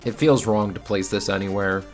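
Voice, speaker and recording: A video host reviews a film from a script, sounding casual, wry and opinionated. His low voice keeps fairly even intonation at a moderate pace, with faint music behind the voice-over.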